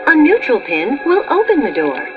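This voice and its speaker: A woman's voice: high-pitched, wildly swooping pitch, moderate pace, phone-quality sound, over music. A woman playing a perky instructional narrator in a scripted game tutorial. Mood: instructive.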